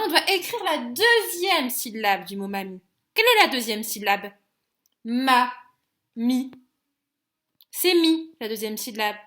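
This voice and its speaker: A woman teacher with a French accent and a voice on the high side gives young children a slow phonics lesson. She sounds out each letter and syllable clearly and gently, staying encouraging throughout.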